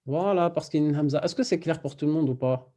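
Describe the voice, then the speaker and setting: A man teaching a Quran recitation class online, patiently explaining step by step and repeating words slowly. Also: a little high, warm tone.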